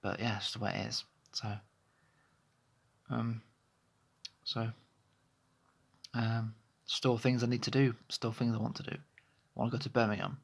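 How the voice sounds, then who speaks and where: A thirtysomething man records a candid vlog in a small bedroom with his phone close to his face, rambling hesitantly and starting over many times. He speaks unhurriedly at medium pitch, level and gravelly, pausing often.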